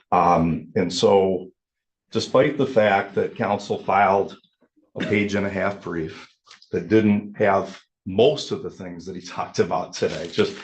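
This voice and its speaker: A man arguing in court as an attorney, making his case through measured storytelling. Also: sits low. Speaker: attorney addressing a judge. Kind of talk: anecdotal courtroom argument.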